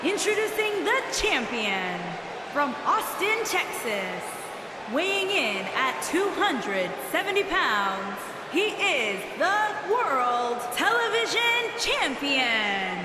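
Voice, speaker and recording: A woman's voice: high voice, sing-song, takes it slowly. A woman ring announcer giving formal, grand introductions of wrestlers and drawing out the names. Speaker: boxing-style ring announcer. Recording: noisy, echoing hall with long reverb.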